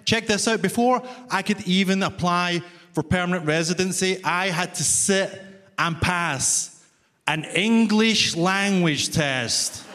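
A Glaswegian stand-up comedian with a Glasgow accent performs a wry, self-mocking set on a large concert hall stage, checking in with the laughing crowd. His voice is high, slow, and sharp-toned, and the recording carries live hall reverb with faint room noise.

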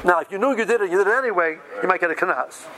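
A man's voice: high-pitched, racing, bright, forceful tone, poor audio. A man giving an informal religious lesson, talking through everyday examples and checking in with short questions. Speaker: religious law teacher.

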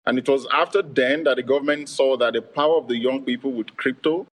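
A man's voice: mid-range voice, fairly quick, poor audio. Methodical man answering on a panel. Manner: methodical, many fillers. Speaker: panel guest.

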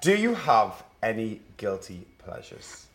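A man's voice: lowish voice, very animated, slow, background noise. A man in his thirties with a Northern English accent, teasing and bantering on a date and swearing freely. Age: 30s. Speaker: dating show contestant.

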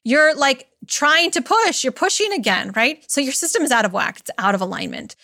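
A woman's voice: high voice, animated, normal speed, bright, forceful tone, dry recording, clean studio sound. A woman hosting a solo podcast, talking casually and with emphasis, acting out quoted asides as she goes. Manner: chatty and emphatic, mimics voices in quoted asides. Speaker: podcast host and business coach.

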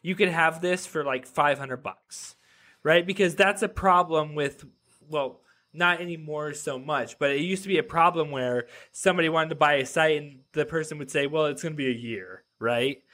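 Chatty man with a slightly high voice. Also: moderate pace, sharp tone. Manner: loose and chatty, heavy use of "like" and "right?". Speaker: podcast guest, web developer. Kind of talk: casual interview chat.

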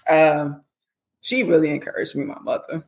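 A woman's voice: low voice, normal speed, slight background noise. A woman in her thirties, a nurse educator guesting on a podcast, speaking candidly and earnestly, often saying "you know". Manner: emotional when recalling support. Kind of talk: casual interview chat.

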